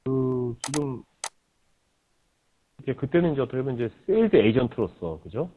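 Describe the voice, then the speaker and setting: A man's voice: mid-range voice, very animated, moderate pace, slight background noise. A man hosting a book interview, asking probing questions and often murmuring agreement. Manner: probing, frequent backchannel agreement. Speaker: interviewer, host. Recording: tinny lo-fi radio-like audio.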